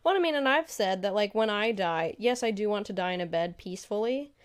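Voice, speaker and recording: A woman co-hosting a podcast in casual chat, musing reflectively with many pauses and filler sounds. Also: medium pitch, animated. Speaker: podcast co-host.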